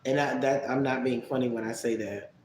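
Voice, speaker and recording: A man casually answering viewer questions on a live stream, relaxed and chatty, musing aloud as he thinks. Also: mid-range voice, brisk. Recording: echoey room with faint background noise.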